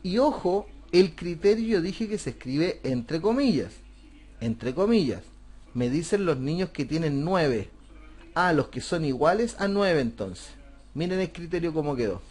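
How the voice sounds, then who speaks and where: A man's voice: a little high, lively intonation, a little slow, a little mellow, slightly rough. A man teaching a computer class, explaining a spreadsheet step by step and asking rhetorical questions. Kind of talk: screen-recorded software tutorial.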